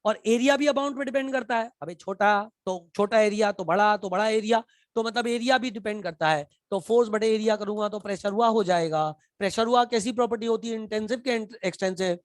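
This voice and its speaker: A man teaching a live class, shouting and teasing as he quizzes his students in a colloquial way. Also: sits high, brisk, no room sound, clean studio sound.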